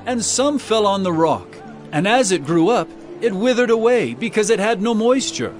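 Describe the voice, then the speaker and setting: An actor playing Jesus as an earnest, authoritative teacher in a dramatized audio Bible, speaking deliberately and solemnly. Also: male voice, high-pitched, sing-song, soft background music. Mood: earnest teaching.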